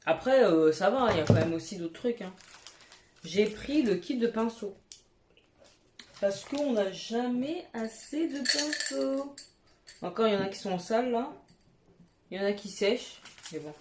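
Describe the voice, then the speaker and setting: Animated yet unhurried, a woman speaks at medium pitch with a slightly mellow tone, pausing often. The beauty vlogger is at home with her cat nearby for a casual haul chat, gushing with exclamations and casual swearing, and the room is echoey with faint noise.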